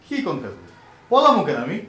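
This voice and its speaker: Fast, high-voiced protesting village man. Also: huge pitch swings, fairly bright tone, a little hiss or hum, exaggerated voice. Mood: indignant, puzzled. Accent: rural Bangladeshi. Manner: protesting, questioning. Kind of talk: comic TV drama acting.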